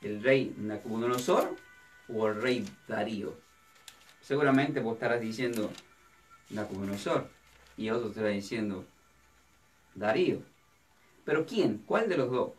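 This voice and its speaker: Pastor asking questions. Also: male voice, fairly low pitch, a little slow, pauses often. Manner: asks the audience questions and answers them himself. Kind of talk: Bible study sermon. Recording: distant mic with faint music.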